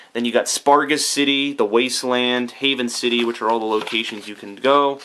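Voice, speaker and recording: Young guy unboxing in his bedroom, sharp bright tone, swears a lot, bit of hiss. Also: mid-range voice. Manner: rambling, swears casually, thinks aloud. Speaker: YouTuber doing an unboxing. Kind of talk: casual unboxing commentary.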